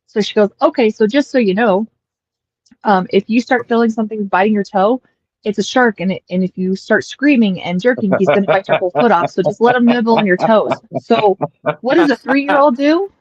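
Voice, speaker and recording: A woman's voice: a little high, fairly quick, no echo. Chatty woman telling stories on a dull mic. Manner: chatty, animated anecdote telling with acted-out quotes. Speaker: streamer. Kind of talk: casual storytelling chat.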